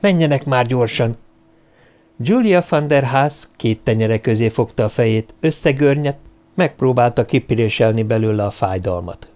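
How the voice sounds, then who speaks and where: A man narrating an audiobook in a steady storytelling manner. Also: mid-range voice. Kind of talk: scripted narration.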